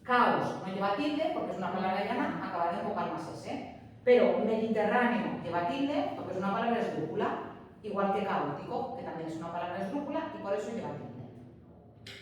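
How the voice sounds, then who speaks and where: A woman's voice: mid-range voice, animated, brisk, a little hiss or hum. A woman from Spain teaching a grammar lesson, patient and emphatic, often checking in with her students. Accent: Spain Spanish. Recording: echoey hall, voice from far off.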